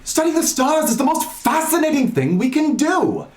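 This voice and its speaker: A man voicing a jovial, curious male tiefling scholar with an attempted Australian accent. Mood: excited. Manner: bubbly, excitable, fast-rising pitch. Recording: echoey room.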